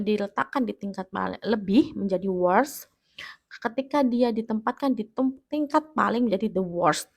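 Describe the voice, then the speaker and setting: An Indonesian woman who teaches English gives a classroom-style grammar lesson, patiently working through it step by step. Her voice sits at a middle pitch, and she often pauses to check that her students are following.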